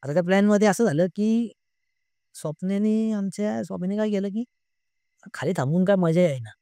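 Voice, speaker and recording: A man in his thirties tells his own story in a chatty way, acting out his friends' lines and often dropping to a hush. His voice sits fairly high but sounds mellow and warm. The recording is dry, with almost no room echo. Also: a little fast, clear, resonant tone. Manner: often drops to a hushed, low voice. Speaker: guest telling his own ghost experience. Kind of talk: casual spoken storytelling.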